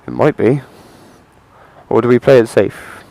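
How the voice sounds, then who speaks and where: A man's voice: medium pitch, sing-song, measured pace, vocal fry, dark tone, poor audio. A man with a British accent chats casually and rambles informally to viewers from inside a helmet while riding a motorbike, with some mild swearing. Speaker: motorcycle vlogger. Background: motorcycle and vehicle noise.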